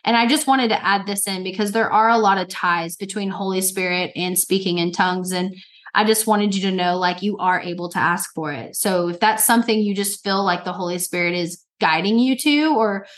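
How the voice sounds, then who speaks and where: Co-hosting a faith podcast, a woman explains things in an encouraging, casual manner, dropping frequent "like" fillers. Her medium-pitched voice is brisk with a fairly bright tone.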